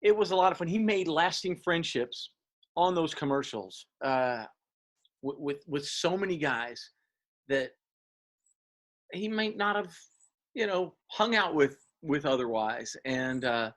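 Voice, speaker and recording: A man, talking as an interview guest and reminiscing in a halting way, with many fillers and restarts. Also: fairly high pitch, lively intonation, a bit bright. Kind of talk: casual interview.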